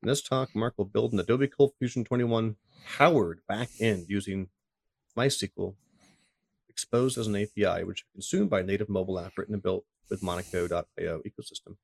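A man's voice: fairly low pitch, steady tone, fairly quick, gravelly, no room sound. A man co-hosting a tech podcast, chatting casually with lots of fillers and restarts. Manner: rambling, filler-heavy, self-deprecating. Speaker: podcast co-host.

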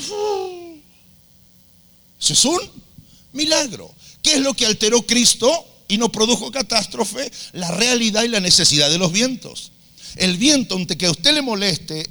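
A man preaching a sermon, telling stories with humor and acting out the voices of the people in them. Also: high voice. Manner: animated storytelling, acts out voices with humor.

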